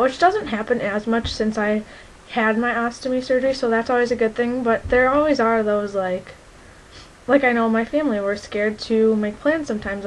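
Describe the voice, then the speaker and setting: A woman's voice: fairly high pitch, slight background noise, poor audio. Earnest young woman, reflective vlog. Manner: reflective, earnest, many fillers like "like" and "um". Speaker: vlogger. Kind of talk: candid personal vlog.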